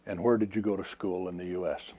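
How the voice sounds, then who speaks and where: Low-voiced male interview host. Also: level tone, fast talker, warm tone. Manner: plain, direct questions. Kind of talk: interview hosting.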